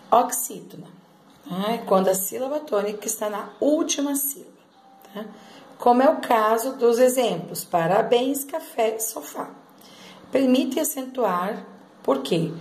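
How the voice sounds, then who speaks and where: A woman's voice: on the high side, slight background noise. A woman teacher giving a grammar lesson, explaining step by step and often checking in with her students. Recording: echoey room.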